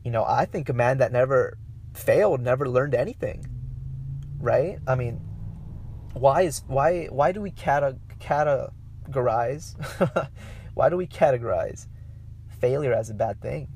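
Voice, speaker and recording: A man's voice: mid-range voice, a little mellow, slight background noise. Rambling man hosting a solo podcast. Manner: rambling and conversational, with many fillers and self-corrections; addresses listeners directly. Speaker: podcast host. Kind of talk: casual solo podcast monologue.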